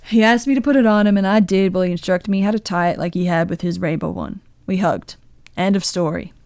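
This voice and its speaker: A bashful young man in his twenties, read by a woman in her own lowish voice, telling an old memory in a halting, tender way. The voice is smooth and clear, recorded close and dry. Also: a little mellow, no room sound. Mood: wistful. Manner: bashful, halting confessional storytelling.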